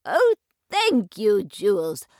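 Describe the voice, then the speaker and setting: A woman's voice: medium pitch, huge pitch swings, slow pace, darkish tone, no room sound, studio quality. A woman playing a prim, genteel older lady with a circus past, speaking in an old-fashioned, fond manner. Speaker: show regular.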